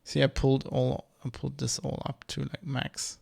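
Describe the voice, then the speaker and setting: This flight-sim streamer, a native German speaker, meanders through his English commentary, restarting and correcting himself constantly. His voice is gravelly and fry-edged, mid-pitched and slightly mellow, delivered in a monotone at a moderate pace.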